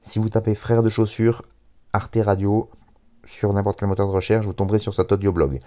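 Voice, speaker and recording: Male radio host, French accent, deep mellow voice, casual solo presenting, hesitant and self-deprecating. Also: fairly even intonation, normal speed. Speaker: radio music show host.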